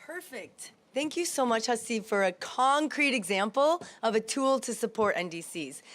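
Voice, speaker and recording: A woman's voice: on the high side, expressive, normal speed, a bit bright. A woman moderating a panel, politely thanking and introducing the speakers.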